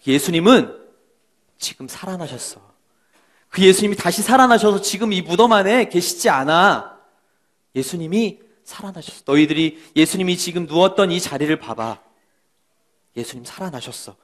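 A man voicing an angel at an empty tomb in a children's Bible story, speaking in a gentle, coaxing way. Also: high voice, lively intonation, moderate pace. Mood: urgent joyful.

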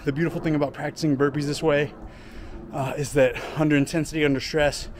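A man's voice: on the high side, little pitch movement, fast, a little mellow, a little hiss or hum. A man, a fitness coach, talking casually through his workout and catching his breath as he explains his training. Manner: explains training plainly between efforts, with fillers. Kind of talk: casual workout vlog talk. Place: home gym and outdoors in winter.

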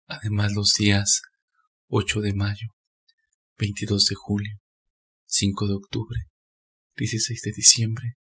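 A man calmly reading a scripted spiritual narration in a measured, steady way. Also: fairly low pitch, gravelly, husky.

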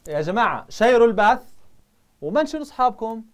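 A man's voice: extremely high pitch, sing-song. Jordanian male math teacher quizzing students. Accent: Jordanian Arabic. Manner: quizzing students with quick questions. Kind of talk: live online review lesson.

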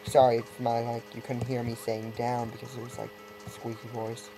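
A man's voice: mid-range voice, completely flat delivery, normal speed, mellow, slight background noise, rough recording. A man giving casual, rambling gameplay commentary, breaking off mid-thought with wry asides. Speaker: let's play gamer. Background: faint game music.

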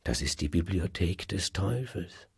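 A man's voice: low-pitched, animated, measured pace, gravelly, husky, no room sound, heavily acted. A man voicing a burly, defiant male innkeeper who mocks a sorcerer in a storybook tale. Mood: earnest. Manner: mocking, defiant. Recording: dry close recording.

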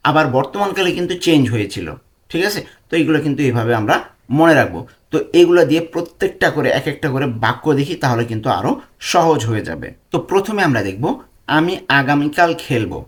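A man from Bangladesh teaching a language lesson, explaining slowly and spelling out foreign phrases word by word. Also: a little high, very animated.

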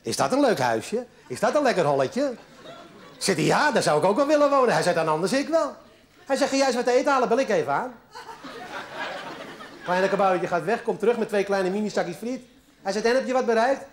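A man's voice: high voice, expressive, brisk. A man telling a playful joke to an audience. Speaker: joke teller.

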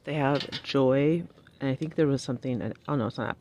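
A woman's voice: rumbling low, moderate pace, mellow, slight background noise. Chatty woman shopping. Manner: chatty, gushing over cute finds. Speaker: shopping vlogger. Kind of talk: casual shop-with-me commentary. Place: retail store aisle. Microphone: handheld phone camera.

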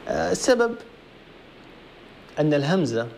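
A man hosts a broadcast tajweed lesson in a somewhat raised pitch. He explains each rule step by step and repeats himself for clarity. He slows into a measured chant whenever he demonstrates a verse. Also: very animated, creaky, darkish tone, a little hiss or hum. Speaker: Quran recitation teacher and program host.

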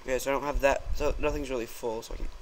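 A young man commentating his own gameplay in a casual, excitable way, yelping when startled. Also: mid-range voice, very fast. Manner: jumpy, excitable, yelps when scared. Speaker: let's play gamer. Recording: noisy home recording.

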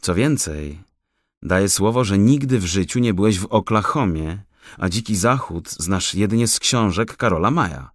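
A man's voice: fairly low pitch, animated, moderate pace, dry recording, studio quality. Man voicing a teasing, bluffing forester. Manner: mocking, bluffing. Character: shrewd teasing male forester. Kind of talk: audiobook character voice.

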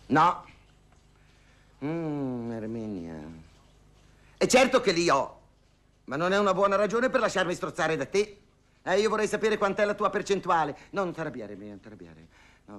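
A man's voice: medium pitch, a bit bright, natural voice. An actor playing a lonely older woman who gossips and haggles on the phone in a theatrical monologue, sighing and wryly complaining. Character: lonely, wry older woman hiring a dance partner.

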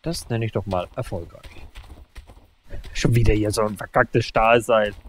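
A man hosting a let's play, giving casual gameplay commentary, excitable and talking to himself with frequent exclamations. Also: fairly low pitch, measured pace, a little hiss or hum.

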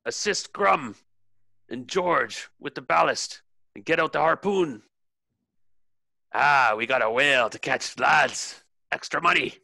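A man voicing a gruff male ship captain who barks orders at his crew. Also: on the high side, unhurried, dry recording, voice pushed up, full character voice. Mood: bellowing orders. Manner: barking orders, shouting.

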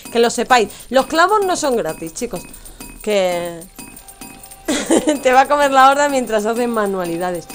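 A woman's voice: fairly high pitch, sing-song, measured pace, pauses often, soft background music. A young woman with a Spanish accent from Spain, chatting and teasing her viewers while she streams a game. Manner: chatty, teasing, addresses chat, laughs often. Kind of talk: casual gameplay commentary.

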